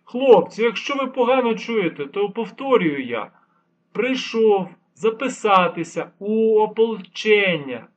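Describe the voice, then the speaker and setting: A man's voice: high-pitched, expressive, moderate pace, voice pushed up. Man voicing a lisping ninety-year-old swordsman. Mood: lecturing, teasing. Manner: mocking, patiently lecturing. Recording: dull lo-fi recording.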